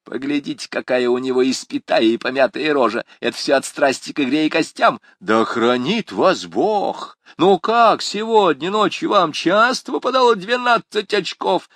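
A man voicing a rowdy young male student who shouts mocking taunts. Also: high-pitched, sing-song, a little slow, no echo, studio quality, voice pushed up, full character voice. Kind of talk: audiobook character voice.

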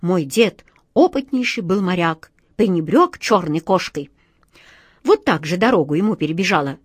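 A woman's voice: fairly low pitch, animated, normal speed, dry recording, studio quality. A woman voicing a kind, superstitious male sea captain in a storybook, earnest and pleading.

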